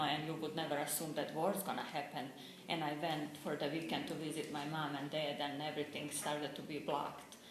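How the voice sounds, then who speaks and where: A woman from Bosnia, speaking English with a Bosnian accent, calmly telling her own story as an interviewee. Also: sits low. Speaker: interviewee, former refugee. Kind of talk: personal account. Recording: echoey room with background noise.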